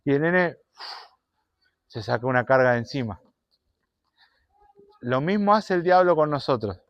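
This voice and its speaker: A man preaching a sermon and telling a story, animated, shifting between loud and soft. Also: mid-range voice, measured pace, no echo, highs cut off.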